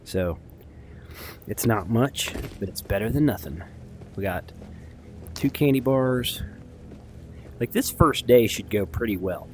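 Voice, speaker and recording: A man's voice: on the low side, animated, slow pace, pauses often, a little mellow, a little hiss or hum. A man giving casual, rambling gameplay commentary as a video host, chatty, informal and self-deprecating.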